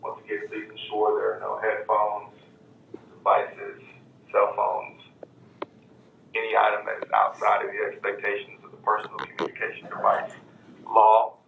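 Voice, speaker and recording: A man making a public address announcement to teachers over a school intercom loudspeaker, in a flat, gravelly voice. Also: on the low side, moderate pace, phone-quality sound. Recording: echoey loudspeaker with faint noise.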